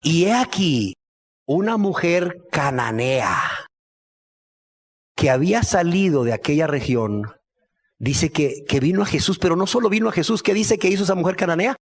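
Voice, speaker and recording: A man preaching a sermon dramatically, asking rhetorical questions and swinging from soft to shouting. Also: on the high side, expressive, moderate pace.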